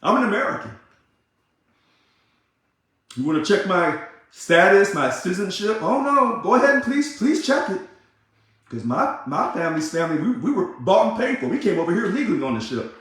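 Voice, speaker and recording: A man with a high, swooping voice rants sarcastically. He repeats himself and bursts into shouting now and then. The recording is heavily echoey, as if made in a bare room. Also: sing-song, moderate pace, long pauses. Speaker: ousted union leader. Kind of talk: ranting monologue.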